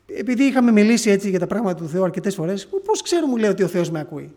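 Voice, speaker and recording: A man preaching, retelling a story in an earnest, halting way with frequent restarts. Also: high-pitched, animated, a little mellow. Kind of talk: sermon testimony.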